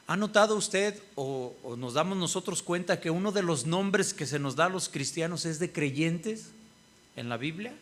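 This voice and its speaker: A man's voice: a little high, a bit bright. A male pastor preaches a sermon, often asking the congregation "¿sí?" and acting out what other people say. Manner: asks the congregation "¿sí?" often, acts out quoted people.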